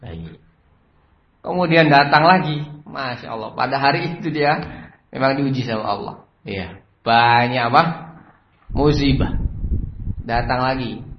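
A man's voice: medium pitch, a little slow, pauses often. A man, preaching a sermon as a story, who keeps repeating a set blessing phrase. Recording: roomy, slightly dull recording with faint noise.

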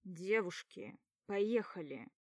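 A woman's voice: lowish voice, expressive, takes it slowly, a little mellow, no echo, clean studio sound. A woman reading a sarcastic hot-headed young guy. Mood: irritated. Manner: mocking, gruff. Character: sarcastic young man, quick-tempered.

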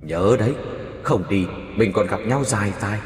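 A man's voice: lowish voice, moderate pace, reverberant, in a large hall, lightly acted. A man voicing a menacing female ghost who hisses threats through her teeth in a spoken horror story. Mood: threatening.

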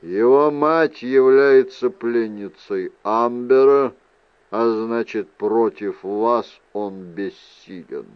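A man's voice: medium pitch, slow pace, clear, resonant tone, no room sound, muffled recording, natural voice. A man reading an audiobook, voicing a suave, guarded older half-brother who is a lord of Chaos, formal and dryly ironic.

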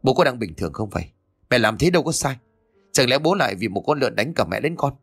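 A man's voice: a little high, quick pace, bright, forceful tone, faint music behind, pitched above the performer's own voice. A man voicing a defensive grown son, protesting with a raised voice. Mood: indignant.

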